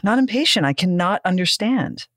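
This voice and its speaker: A woman's voice: mid-range voice, lively intonation, normal speed, no echo. A woman co-hosting a podcast in casual chat, dry and insistent, often repeating her phrases. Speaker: podcast co-host.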